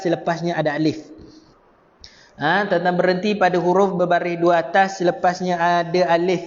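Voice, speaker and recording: High-voiced Malaysian man teaching Quran reading. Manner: explains rules step by step, repeats phrases, addresses viewers directly; chants verses slowly and drawn out. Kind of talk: live online tajwid lesson. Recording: dull sound with long reverb.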